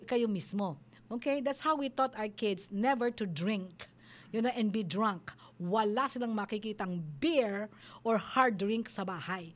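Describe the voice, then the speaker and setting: A middle-aged Filipino woman hosting a radio advice show, mixing Tagalog and English and acting out the voices she quotes. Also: medium pitch. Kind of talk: parenting advice talk on radio.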